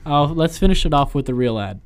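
A man's voice: fairly high pitch, expressive, clean tone, dry recording. A young man co-hosting a casual podcast with a friend, joking and teasing as he chats. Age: young adult. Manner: joking, rambling, quick to tease. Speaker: podcast co-host. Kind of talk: casual chat between friends.

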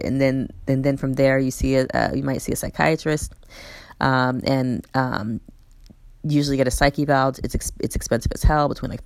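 A woman's voice: very deep voice, gravelly. A woman giving a candid personal account in an interview, blunt and emphatic, swearing freely and often restarting her sentences.

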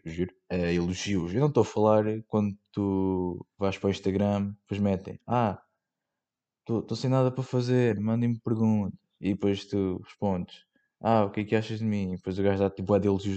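A young man with a European Portuguese accent rambles through his solo podcast in loose slang, full of fillers and the odd swear word. His voice sits low and comes across dark and mellow. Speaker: podcast host. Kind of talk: casual solo podcast chat.

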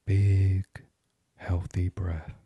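A man's voice: deep voice, little pitch movement, breathy edge, no room sound, muffled recording. A man leading a guided meditation in a soothing voice that often drops to a whisper. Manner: slow, soft and soothing, drifting into whispers.

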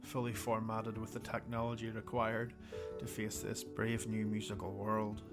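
Gravelly flat narrator over guitar. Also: male voice, lowish voice, normal speed. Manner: gravelly, flat, even delivery. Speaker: narrator of music profile. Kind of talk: scripted narration.

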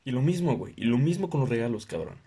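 A man's voice: medium pitch, quick pace, breathy edge. A young Mexican man hosting his podcast, ranting with lots of swearing and doing exaggerated voices of other people. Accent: Mexican Spanish. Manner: profane, ranting, animated impressions of others. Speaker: podcast host. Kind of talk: casual comedic monologue.

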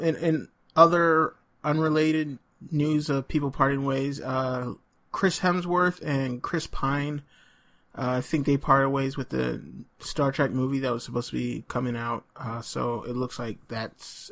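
A man's voice: mid-range voice, a little slow, a bit bright. Rambling man hosting a podcast. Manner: rambling, hesitant, many fillers. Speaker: podcast host. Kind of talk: casual podcast chat.

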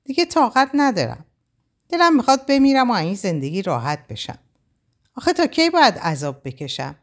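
A woman's voice: fairly high pitch, sing-song, pitched above the performer's own voice. A woman reading a novel aloud, voicing a distraught young woman who is crying and lashing out. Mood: despairing. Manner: sobbing, raised and pleading outbursts. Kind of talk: audiobook character voice.

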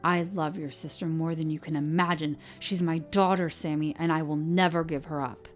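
A woman's voice: on the low side, moderate pace, soft background music, lightly acted. A woman reading an audiobook, voicing a stern middle-aged male sheriff who is also a weary father, firm and commanding. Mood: angry. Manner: firm, commanding, loud when angered. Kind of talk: audiobook character voice.

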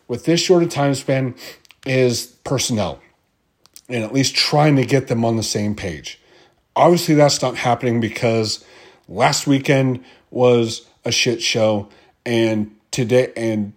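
A man of medium pitch hosts a casual solo podcast, offering his opinions on motorsport. He rambles, starts sentences over and fills pauses with ums. He swears freely as he talks. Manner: rambling, profane, frequent restarts and ums. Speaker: podcast host.

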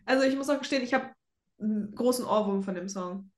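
A woman's voice: medium pitch, fast talker. A young adult woman co-hosting a podcast in casual fan chat, sprinkling English words into her German. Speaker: podcast co-host. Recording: roomy, echoey sound.

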